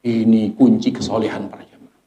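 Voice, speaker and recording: A man's voice: lowish voice, flat delivery, a little fast. Emphatic male preacher in an echoey hall. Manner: emphatic, repetitive, swings between quiet and raised delivery. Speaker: Islamic preacher. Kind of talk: sermon.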